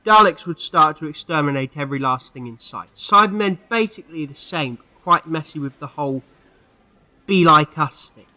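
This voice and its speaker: An eccentric alien time traveller played by a man in an audio drama, with a very bright, forceful, slightly high voice. He is theatrical and wordy, quick to exclaim and firmly against guns. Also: lively intonation. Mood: brisk, explanatory. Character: the Doctor, eccentric excitable male time-travelling alien, anti-gun. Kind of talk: fan audio drama acting.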